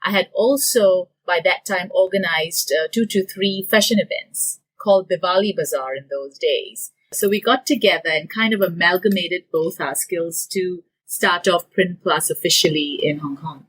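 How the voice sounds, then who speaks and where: A woman's voice: fairly low pitch, moderate pace, few pauses, breathy edge, poor audio. A woman from Singapore, a business owner, giving detailed interview answers with some fillers. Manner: detailed, steady explaining with fillers.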